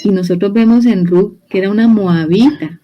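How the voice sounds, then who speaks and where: A woman's voice: medium pitch, normal speed, lo-fi sound, slight background noise. A Colombian woman with a Colombian Spanish accent, teaching a Bible study in a church in a chatty, explanatory way, often restarting her sentences. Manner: explanatory, conversational, with many restarts. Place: church hall.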